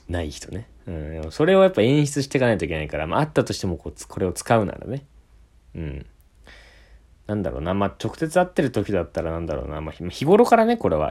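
A young man rambling through a casual comic monologue, joking and chuckling, jumping from loud bursts to mumbles. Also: low voice.

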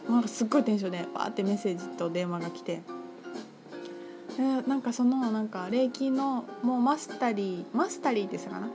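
A woman talking casually on her own about her crystal shop, chatty and full of fillers, lively when she quotes others. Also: on the high side, fast talker. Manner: chatty, filler-heavy, animated quoting. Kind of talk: casual solo talk. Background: music.

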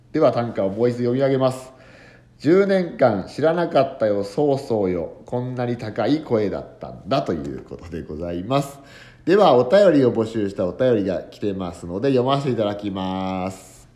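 Here the podcast host, also a comedian and tanka poet, wanders through a story alone on the mic, using plenty of fillers. He has a fairly low, slightly mellow voice.

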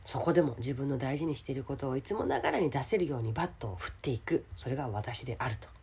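A woman with a hoarse, gravelly voice gives a casual motivational solo talk as a radio host, speaking directly to the listener. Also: rumbling low, sing-song, fast. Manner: addresses the listener directly with questions and soft sentence-ending particles. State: hoarse today.

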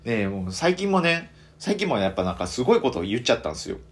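Kansai guy rambling on his own podcast, jokey and excitable, voice jumps up and down a lot. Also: mid-range voice, rapid-fire. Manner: animated, self-mocking, excitable storytelling. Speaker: comedian hosting a solo podcast. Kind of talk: casual solo monologue.

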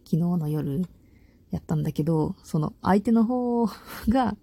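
A young woman with a Kansai accent chatting casually on her own, rambling and slangy, laughing often, with what she calls a big loud voice. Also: on the low side, expressive, unhurried, vocal fry, slightly rough, no echo. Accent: Kansai Japanese. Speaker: podcast host. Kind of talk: casual solo chat.

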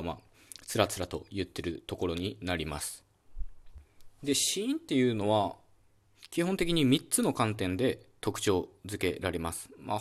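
A man hosting a solo educational podcast, calmly explaining phonetics with many fillers and demonstrating speech sounds aloud. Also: on the low side. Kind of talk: calm solo educational talk.

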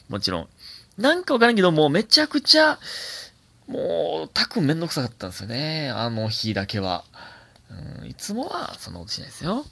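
Young male solo host, Kansai accent, chatty and animated, swoopy pitch, gravelly edge. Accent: Kansai Japanese. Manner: chatty, animated, rambling musings with laughs and self-corrections. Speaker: podcast host. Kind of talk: solo casual radio talk, reading listener mail.

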